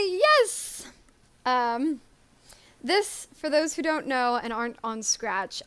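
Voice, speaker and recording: A woman with a fairly high voice chats loosely on a live stream, rambling along with plenty of ums and small laughs. Her voice sits close and dry on a home mic. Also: a bit bright, smooth, dry recording. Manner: chatty and rambling, with frequent ums and little laughs. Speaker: story creator and stream co-host. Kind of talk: casual live-stream chat.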